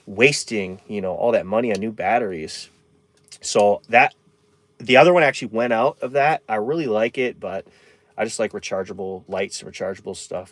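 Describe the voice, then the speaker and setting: A man's voice: fairly low pitch, dry recording. A man in his thirties chatting casually on a live stream from inside his camper van, rambling and answering viewer comments.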